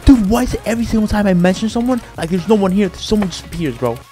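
Male gamer, live gameplay commentary, slangy, excitable, dark mellow tone. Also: high-pitched, fast talker, faint music behind. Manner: excitable, slangy, says "bro" constantly. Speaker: gaming YouTuber.

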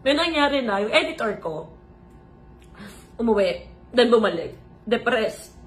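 A woman's voice: fairly high pitch, big pitch swings, measured pace, slight background noise. A woman vlogger earnestly telling a confessional story, mixing Tagalog with English phrases. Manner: earnest, retelling events in mixed Tagalog and English.

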